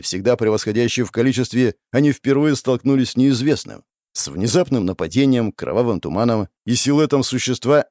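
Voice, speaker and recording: Male audiobook narrator, dramatic fiction, very lively pitch, dry close sound. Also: dry recording. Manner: expressive storytelling, voicing the characters.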